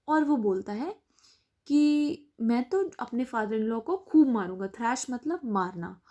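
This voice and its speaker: A woman teacher with a somewhat high, mellow voice. She reads lines of a story slowly and deliberately, then goes back over them in a patient, explaining tone, as if walking young pupils through a lesson. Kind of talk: explaining an English lesson in Hindi.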